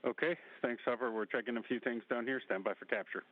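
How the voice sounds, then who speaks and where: A man's voice: medium pitch, fairly even intonation, fast talker. A man making clipped, procedural mission control calls over a breaking-up space radio link. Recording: narrow, tinny space-to-ground radio link.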